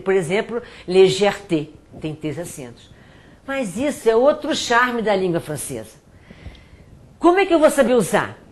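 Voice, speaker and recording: Brazilian woman teaching French pronunciation. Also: lowish voice. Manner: explanatory, repeats words slowly to demonstrate pronunciation. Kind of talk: spoken language tips to students.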